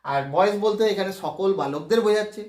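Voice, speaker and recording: A man with a high-pitched voice teaching a grammar lesson, walking through each rule patiently and pausing often to ask whether his students follow. He sounds set back from the mic in an echoey room. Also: a little mellow, far from the mic. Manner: explains step by step, often asks "right?". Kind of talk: Bengali-language grammar lesson.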